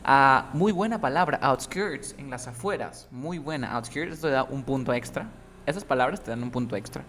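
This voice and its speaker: A man's voice: medium pitch, normal speed, fairly bright tone, slight background noise. A man teaching English one-on-one, giving feedback patiently and explaining step by step while often checking that his student understands.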